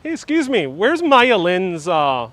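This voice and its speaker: His high voice swoops wildly in pitch, fairly bright in tone and a little slow, as this Puerto Rican vlog host casually live-streams from a large outdoor sculpture park. He chats and reads viewer comments aloud, captured with a wireless mic on a gimbal-mounted phone.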